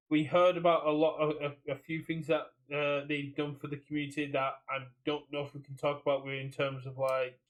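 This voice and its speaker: British man, fairly high voice, casual podcast co-host, rambling, repeats himself. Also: a bit bright, rough recording. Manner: rambling, repeats phrases and restarts. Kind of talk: casual chat about a card game community.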